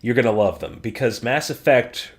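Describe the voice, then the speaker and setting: A man co-hosting a casual gaming podcast, excitable, swearing freely and laughing often. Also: mid-range voice, moderate pace. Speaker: podcast co-host.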